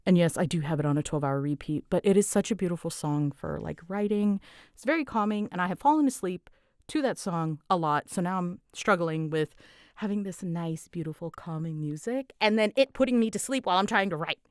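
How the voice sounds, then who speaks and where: An audio creator and voice actor answers listener questions in an unscripted, casual chat, her lowish voice animated, brisk, clear and resonant. Nervous and giggly, she rambles, jumps between thoughts and keeps interrupting herself. The recording is dry and studio quality.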